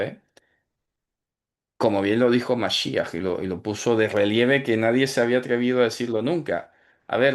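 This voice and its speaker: A man giving a religious teaching, explaining in a conversational way and slowing down to stress key words. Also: on the low side. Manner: explanatory, asks "¿vale?" and "¿sabes?" often, slows to stress key words. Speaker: teacher of Torah commandments. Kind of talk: recorded teaching talk.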